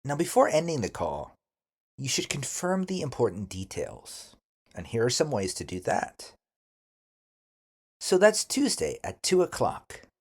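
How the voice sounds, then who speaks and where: A man teaches an English lesson, speaking deliberately and enunciating carefully while offering model phrases for learners to repeat. His voice is medium in pitch and slightly rough, with huge swings in pitch.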